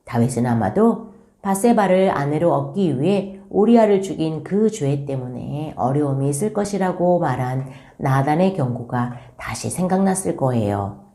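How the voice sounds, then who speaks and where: Low-voiced woman teaching a children's Bible lesson. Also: animated, normal speed. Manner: gentle, addressing children directly. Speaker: church school teacher. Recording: roomy echo.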